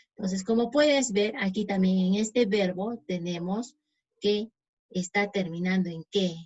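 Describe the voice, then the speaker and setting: A Spanish-speaking woman teaching English grammar, slowly reading out example sentences and often checking in with her students. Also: medium pitch, darkish tone. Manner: slow, reads English examples deliberately, checks in with "¿sí?". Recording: dull lo-fi sound.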